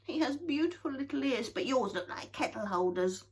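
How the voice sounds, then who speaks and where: A woman's voice: sits high, animated, moderate pace, darkish tone, husky, pitched above the performer's own voice, heavily acted. Woman doing a snippy, smug young creature girl. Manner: snippy, scornful.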